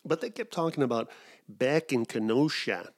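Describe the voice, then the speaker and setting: A man's voice: mid-range voice, normal speed. Rambling middle-aged man podcasting solo. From Wisconsin. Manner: digressive, self-mocking, with put-on voices. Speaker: podcast host.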